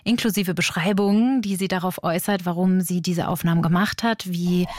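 A woman presenting a radio feature, narrating in a measured, explanatory way. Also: lowish voice, steady tone, darkish tone, no echo, studio quality.

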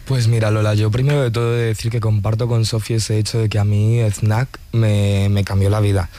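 A man's voice: fairly low pitch, flat delivery, a little fast, dark tone, slight background noise. A man who is a poet and journalist, a guest in a radio studio, telling stories fluently and with enthusiasm. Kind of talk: radio interview.

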